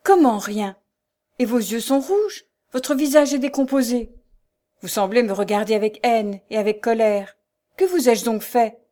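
A woman's voice: fairly high pitch, big pitch swings, moderate pace, few pauses, a little mellow. A woman reading aloud, voicing a bewildered young nobleman who questions his wife with urgent alarm.

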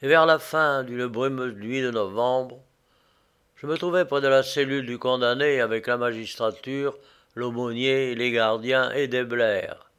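Slow, measured male story reader. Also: medium pitch, fairly bright tone, clean tone. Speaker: narrator. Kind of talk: scripted narration of a story.

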